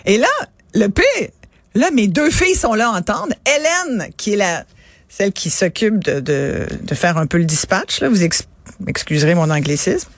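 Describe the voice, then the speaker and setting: Quebecois lady ranting on the radio, lively and fired up, dry mic. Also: medium pitch, moderate pace, dry recording. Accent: Québécois French. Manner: animated storytelling, indignant. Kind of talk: casual radio chat.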